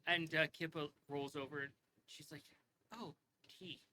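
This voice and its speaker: A man narrating a tabletop game as game master, relaxed and rambling with frequent fillers. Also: a little high, normal speed, slight background noise, rough recording.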